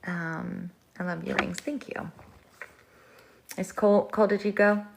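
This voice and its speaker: A woman's voice: medium pitch, fairly even intonation, measured pace, creaky, noisy background. A middle-aged woman hosting a livestream, chatting casually with viewers in a rambling way, full of fillers and restarts. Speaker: livestream host.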